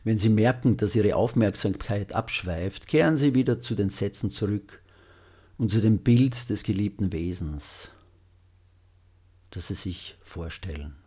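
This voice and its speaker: A man guiding a loving-kindness meditation, speaking gently with long pauses and letting his phrases trail off softly. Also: lowish voice, animated, slightly rough. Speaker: meditation guide.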